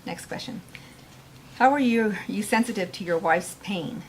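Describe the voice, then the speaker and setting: A woman reading audience questions aloud at a faith-based meeting and candidly sharing her own view in a soft-spoken way. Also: medium pitch, normal speed, a little hiss or hum, rough recording. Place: meeting room.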